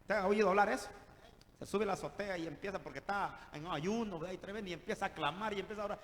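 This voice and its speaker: A man from El Salvador with a Salvadoran Spanish accent, preaching an animated, jokey sermon and calling his listeners brother. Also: high-pitched, fast talker, big-room sound.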